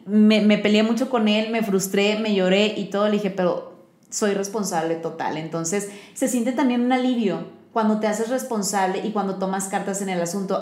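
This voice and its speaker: A woman's voice: mid-range voice, darkish tone. Earnest woman host in a roomy room. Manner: earnest, advice-giving. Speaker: podcast host. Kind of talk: conversational podcast chat. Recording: roomy echo.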